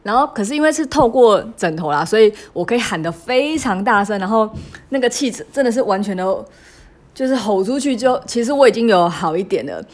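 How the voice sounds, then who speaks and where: A woman's voice: medium pitch, animated, brisk. A woman, telling a personal parenting story in a hesitant, confessional way, full of fillers and restarts. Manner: emotional and confessional, with laughs. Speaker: mother sharing a parenting story.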